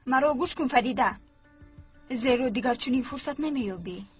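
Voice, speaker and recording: A woman's voice: sits high, animated. An actress dubbing a stern, bossy woman who orders children about and pushes a plan. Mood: commanding. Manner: bossy, commanding. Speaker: stern stepmother figure. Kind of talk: dubbed TV drama. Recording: lo-fi with music underneath.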